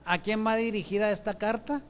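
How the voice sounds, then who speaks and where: A man's voice: high-pitched, fairly even intonation, brisk. A man preaching a sermon. He reads scripture aloud and keeps asking and answering his own questions. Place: church with benches. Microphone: handheld or stand microphone.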